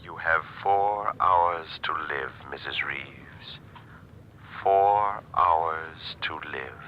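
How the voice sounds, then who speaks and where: An actor playing a menacing anonymous caller in a 1940s radio thriller, speaking slowly and ominously. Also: male voice, extremely low pitch, exaggerated voice. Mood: cold, menacing. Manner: slow, deliberate, ominous. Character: menacing anonymous male caller issuing death threats. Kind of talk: 1940s radio suspense acting. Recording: muffled, hissy 1940s radio recording.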